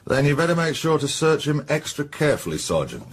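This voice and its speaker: In a radio drama, an actor plays an English police inspector who is brisk, sceptical, businesslike, and colloquial as he questions people. His voice is fairly high and sing-song, set against a noisy background.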